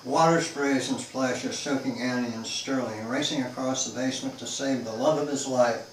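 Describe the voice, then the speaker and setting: A man's voice: medium pitch, steady tone, normal speed. Man reading his novel, echoey and distant. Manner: dramatic, shifting pace. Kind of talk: dramatic book reading. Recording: echoey room, mic far off, faint hiss.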